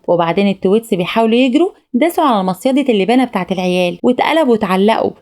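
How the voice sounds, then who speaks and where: A woman with an Egyptian Arabic accent retells an animated film's plot in a brisk, even narrating voice. She races through the story at a very fast clip, her voice pitched a little high. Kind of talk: animated film recap narration.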